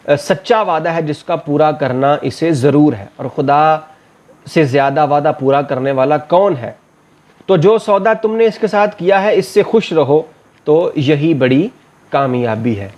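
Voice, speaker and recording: A man gives a religious lecture in a slightly high voice. He chants scriptural verses slowly and with care, then switches to plain, steady explanation. His delivery is measured and instructive. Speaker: Islamic scholar.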